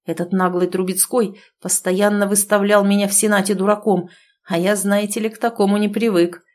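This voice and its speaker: Lady voicing a resentful prince, low-key confiding tone. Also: little pitch movement, a little fast, darkish tone, lightly acted. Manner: muted, confiding. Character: middle-aged prince, proud and resentful.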